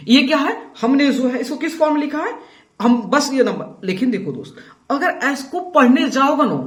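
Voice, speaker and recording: A man teaching a math lesson to students. He talks in a coaxing, encouraging way and keeps repeating himself to prompt them. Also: very high-pitched. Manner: coaxing and repetitive, calls the viewer "bhai" and "dost"; upbeat and encouraging. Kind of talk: classroom lesson explaining to students.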